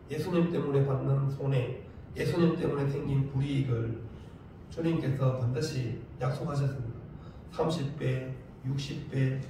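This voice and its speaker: A male pastor with a Gyeongsang Korean accent, preaching a lively sermon with rhetorical questions and humor. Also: mid-range voice, vocal fry, slight background noise. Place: church sanctuary. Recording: very echoey church from far off.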